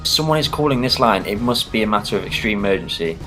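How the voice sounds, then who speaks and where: A man acts as an imperious alien time traveller in an audio drama. He is theatrical and demanding, with a lowish voice over clear music. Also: animated, fast, lightly acted. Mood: dramatic. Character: the Doctor, imperious, theatrical male Time Lord.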